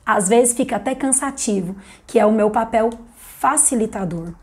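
A woman's voice: fairly high pitch, darkish tone, husky. Chatty Brazilian woman teaching English. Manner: chatty, explains slowly, repeats English words for emphasis. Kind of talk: casual video lesson.

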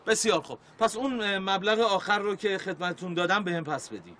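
A man's voice: high-pitched, bright, forceful tone. A man in his thirties playing a harried, polite married city man in a sitcom, pleading and growing exasperated. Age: 30s. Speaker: city outsider seeking a loan. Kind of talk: sitcom acting.

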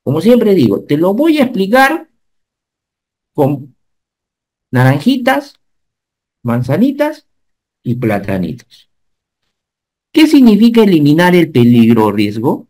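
A man, giving an animated online safety lecture and often checking whether the class follows. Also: fairly high pitch, takes it slowly, pauses often. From Peru. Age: 50s. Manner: animated teacher, asks the class checking questions. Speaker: occupational safety instructor.

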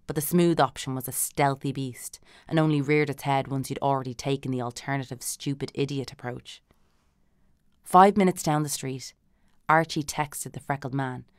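A woman reading a literary novel aloud as an audiobook narrator, in a measured, dry manner with light character voices. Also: very deep voice, steady tone, no echo.

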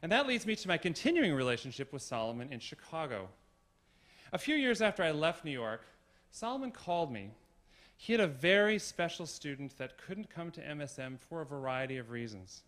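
A middle-aged man, a university provost, giving a formal tribute speech in a concert hall, measured with gentle humor. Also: on the high side, very animated.

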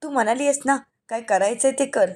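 A woman's voice: a little high, fairly quick, darkish tone, close to an everyday voice. A woman reading the part of a bitter young man who accuses and threatens his lover, in a hard, accusing tone.

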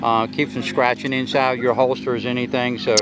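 A man's voice: mid-range voice, flat delivery, moderate pace, background noise. A middle-aged man casually explaining a pistol at an outdoor shooting range. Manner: easygoing, explanatory. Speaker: firearms company representative.

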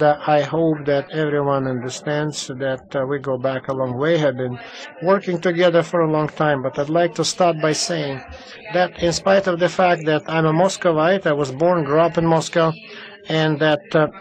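A man giving simultaneous interpretation at a panel discussion, halting, with many fillers and restarts. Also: fairly high pitch, low-quality recording. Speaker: conference interpreter.

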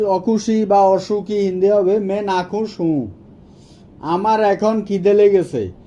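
A man teaching a language lesson, his voice high but deeply mellow. He takes his time and repeats every phrase carefully, and the recording sounds a little dull and lo-fi. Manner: repeats each phrase slowly and clearly. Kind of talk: Hindi lesson for Bengali speakers.

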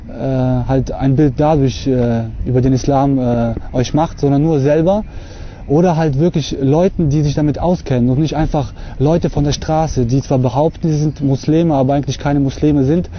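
A man's voice: medium pitch, steady tone, moderate pace, a little hiss or hum. Earnest young man, hesitant outdoor talk. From Russia. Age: young adult. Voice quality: hesitant, many filler sounds, earnest. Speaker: convert giving testimony. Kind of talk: casual spoken testimony to camera. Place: outdoors on a campus lawn. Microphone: camera mic at close distance. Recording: slightly dull lo-fi outdoor camera audio.

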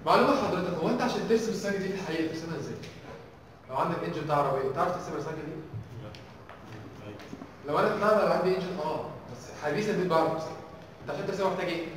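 A man's voice: fairly high pitch, rapid-fire, pauses often, noisy background. A young Egyptian man teaching a university engineering section, constantly firing questions at the class. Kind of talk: university tutorial lecture. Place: large lecture hall. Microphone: distant room mic. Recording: echoey hall recorded from far off.

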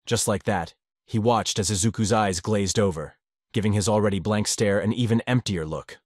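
Reading fan fiction aloud as an audiobook narrator, a man keeps his low voice even and his delivery steady and measured at a normal speed. The recording is dry, with no sense of a room.

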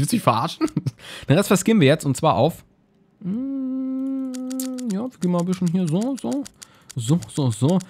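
A man's voice: mid-range voice, a little mellow. A man giving casual, rambling commentary on a game he is playing, often repeating words as he browses items. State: yawning, just woke up. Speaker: let's play host.

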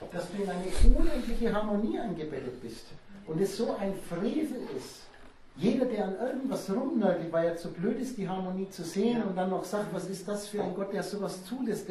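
A man's voice: high-pitched, lively intonation, a little fast, warm tone. Rambling man lecturing in an echoey room. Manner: rambling, emphatic, digressive. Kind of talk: spontaneous lecture.

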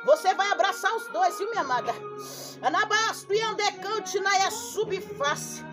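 A woman's voice: very high-pitched, lively intonation, moderate pace. A woman missionary leading a fervent prophetic prayer, breaking into tongues and calling listeners by name. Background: worship music.

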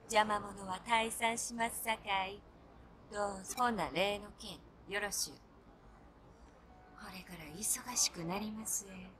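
A woman's voice: mid-range voice, steady tone, unhurried, a crowd in the background, lightly acted. A woman voicing a polite but menacing young female hacker in a video game, with a Kyoto Japanese accent and old-fashioned courtly phrasing. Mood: teasing, polite. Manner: genteel Kyoto dialect with archaic courtesan-style phrasing.

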